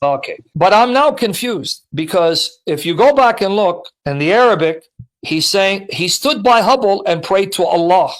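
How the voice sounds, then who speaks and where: Male host, strikingly high pitch, insistent and argumentative in a call-in debate. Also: expressive, normal speed, low-quality recording. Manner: insistent, presses with rhetorical questions.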